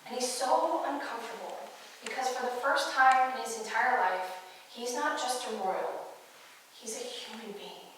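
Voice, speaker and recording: A woman's voice: fairly high pitch, normal speed, fairly bright tone, slight background noise. A woman pastor giving an earnest, storytelling sermon in a church. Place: church sanctuary. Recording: echoey church hall, far-off mic.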